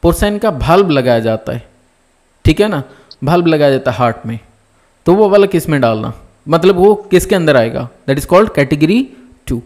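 Male lecturer for nursing exams, high-pitched, patient step-by-step explainer, mixes Hindi with terms. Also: lively intonation, moderate pace, a little mellow. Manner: explains step by step, often checks "ठीक है ना?". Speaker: nursing exam teacher. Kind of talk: live online class lecture.

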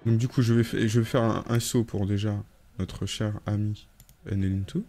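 A man with a fairly low, warm, mellow voice, talking casually through a live gameplay stream. He rambles and hesitates, trips over his words, and jokes around with his viewers. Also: fairly even intonation, normal speed, soft background music. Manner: rambling, many hesitations and self-corrections; joking, chats with viewers while playing.

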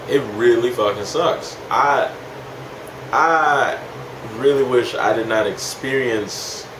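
A man of twenty-one, tipsy and rambling, in a casual, swearing, slangy confessional chat. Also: medium pitch. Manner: heavily profane, slangy. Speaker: vlogger. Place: small indoor room at home. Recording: echoey room with clear background hiss.

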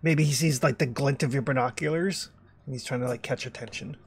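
Gravelly man running a tabletop game. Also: mid-range voice, brisk. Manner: hesitant, filler-heavy narration. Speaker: game master.

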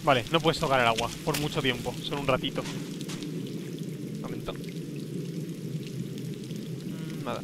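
A man's voice: medium pitch, slow, long pauses, noisy background. A man streaming a horror game live, thinking aloud, easily startled and yelping at scares. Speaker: livestreaming gamer.

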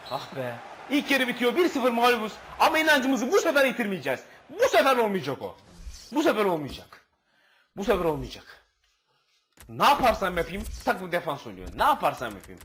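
An excitable man with a high, lively voice talks over his football video game, cursing his players and calling the action like a sportscaster. His voice jumps between shouts and low, muttering despair. A faint room hum sits behind him. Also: brisk, low-quality recording. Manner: excitable, swears and groans at the game, mock play-by-play. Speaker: gaming channel host. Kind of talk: gameplay commentary.

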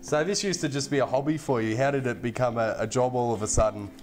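A man's voice: medium pitch, fast, soft background music. A man, a chef hosting a casual cooking show and chatting easily with his guest. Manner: easygoing, conversational, asks friendly questions. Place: home kitchen, indoors.

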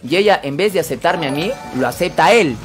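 Excitable Peruvian man streaming a game. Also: fairly high pitch, fast, faint music behind. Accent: Peruvian Spanish. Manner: excitable, swears, yells at teammates. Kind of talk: casual live-stream chat while playing.

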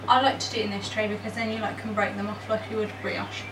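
This home baking vlogger, a young adult woman, talks fast in a mid-range voice with little pitch movement as she chats casually through a self-deprecating baking demo. The small indoor kitchen and a camera mic placed a metre or two away make the recording roomy, distant and noisy.

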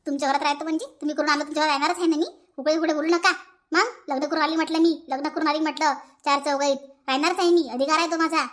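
A woman voicing a sulky young wife who dodges chores in a cartoon, with a Vidarbha Marathi accent, talking back quickly and indignantly. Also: fairly even intonation, fairly bright tone. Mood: defiant. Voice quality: shrill and high. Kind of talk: cartoon voice acting.

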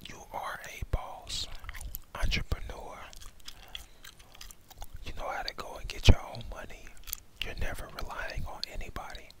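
A man's voice: measured pace, long pauses. A young adult man whispers a reassuring ASMR pep talk of affirmations straight to the listener, close on a headset microphone. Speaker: ASMR host. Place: indoors, small room at home. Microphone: headset microphone close to the mouth.

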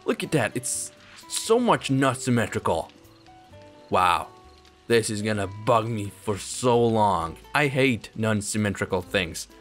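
Guy doing a let's play, slow talker, gets all worked up and swears a ton, music playing under him. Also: lowish voice. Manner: excitable, swears a lot, talks to himself and the game. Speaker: gaming channel host. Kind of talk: let's play gameplay commentary. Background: game music.

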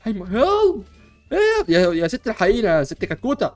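A young man with an Egyptian accent, playing a superhero in a block-building game, talking loudly and frantically with constant exclamations. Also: high-pitched, sing-song, fast, faint music behind. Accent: Egyptian Arabic. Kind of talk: excitable role-play over gameplay.

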